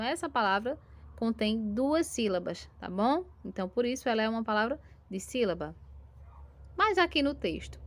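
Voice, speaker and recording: A woman's voice: medium pitch, a bit bright. A woman teacher with a Brazilian Portuguese accent giving a recorded lesson to young pupils, patiently stretching out syllables and checking in with frequent tag questions. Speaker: primary school teacher.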